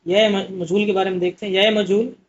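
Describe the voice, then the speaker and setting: A man's voice: high-pitched, flat delivery, fast. A man teaching an Urdu exam-prep lesson, explaining patiently and asking questions that he answers himself. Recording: muffled lo-fi audio.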